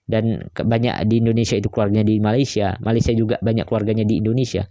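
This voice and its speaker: A man's voice: lowish voice, fairly even intonation, quick pace, warm tone, dry recording. A man hosting a reaction video, chatting casually, peppering every thought with "guys, ya" and hesitant fillers. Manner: keeps adding "guys, ya" tags and fillers; musing, hesitant.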